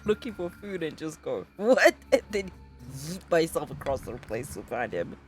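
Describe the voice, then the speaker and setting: A woman playing a tabletop game, describing her character's moves in an eager, excitable way. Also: low voice, normal speed, soft background music. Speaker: player.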